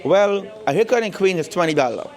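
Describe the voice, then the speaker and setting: Expressive and fairly quick, with a high voice, the middle-aged Guyanese barber chats about his shop during an easygoing interview inside it. He repeats words often and relies on "you know".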